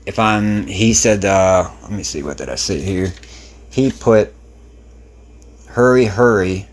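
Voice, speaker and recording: A man's voice: deep voice, lively intonation, measured pace. A man hosting a video, giving casual commentary in an informal, rambling, speculative way. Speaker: video host.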